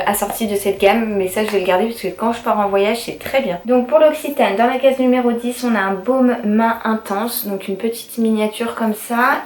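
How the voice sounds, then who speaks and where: A young woman chatting in a casual home vlog, talking to the camera in her kitchen while she bakes and looks after her son. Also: medium pitch. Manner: chatty, upbeat, many fillers. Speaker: vlogger, mother. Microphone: handheld camera.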